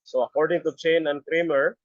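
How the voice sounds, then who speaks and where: A middle-aged man giving a step-by-step software tutorial as an instructor, halting and often repeating his words. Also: a little high, steady tone, no room sound. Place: busy area, on a video call or webcam setup. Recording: dull lo-fi audio.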